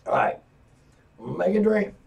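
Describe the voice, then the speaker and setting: A tipsy man hosts his own podcast, rambling and cursing, with his voice swinging high and low and breaking into loud bursts. His tone is gravelly and dark, and he sits a little back from the mic. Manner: profane, meandering, loud outbursts. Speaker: podcast host. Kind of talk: rambling solo podcast talk. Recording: voice a bit far from the mic.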